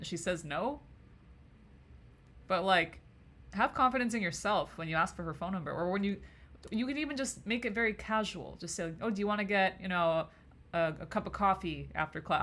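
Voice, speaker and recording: Low-voiced woman chatting on a livestream. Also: pushed and bright. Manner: chatty and easygoing, reads comments aloud and gives advice. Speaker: animator streaming live. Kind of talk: casual livestream chat answering viewers.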